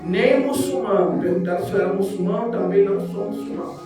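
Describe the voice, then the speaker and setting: A woman's voice: mid-range voice, quick pace, far from the mic. A woman with a Carioca accent preaches and prays with fervor, sliding into a chanted cadence and calling out for amens. Her voice reaches the mic from across a very echoey hall, with music playing underneath. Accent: Carioca Brazilian Portuguese. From Rio de Janeiro, Brazil. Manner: fervent, often chanting phrases, prompting "amen?" replies. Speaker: church leader closing a service. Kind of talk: sermon and closing prayer. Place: small church hall. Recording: echoey church sound heard from afar with music.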